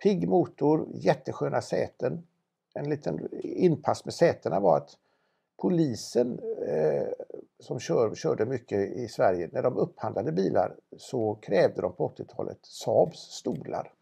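A man's voice: on the high side, animated, creaky, mellow, husky. A man presenting a car for auction in a casual, knowledgeable chat, with frequent restarts. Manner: knowledgeable, chatty, many restarts.

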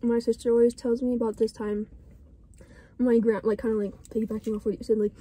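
A teenage girl chatting in a car, bubbly and giggly with quick asides. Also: a little high, flat delivery, warm tone, breathy edge, dry recording. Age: teens. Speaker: co-host. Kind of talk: casual car chat. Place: inside a car.

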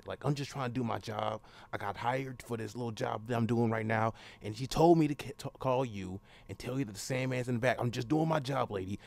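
A young man with a gravelly, medium-pitched voice makes an improvised prank phone call, rambling insistently as the caller and repeating himself.

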